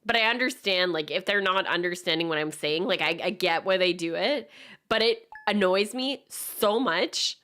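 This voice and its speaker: Bright-voiced Acadian woman streamer chatting casually. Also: fairly low pitch, normal speed. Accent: Acadian Canadian. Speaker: live streamer. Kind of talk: casual chat to stream viewers.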